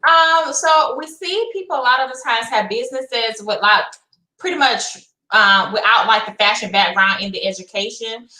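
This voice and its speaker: A woman's voice: fairly high pitch, moderate pace, bright, forceful tone, reverberant, low-quality recording. A woman hosting a casual live-stream interview over a video call, chatty and curious, with many fillers. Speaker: host.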